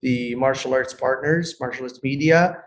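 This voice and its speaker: A man talking sincerely as a guest, often restarting his sentences. His voice sits at a middling pitch, with a plain video-call sound. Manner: earnest, halting, many restarts. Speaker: guest, karate school owner. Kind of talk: casual interview chat.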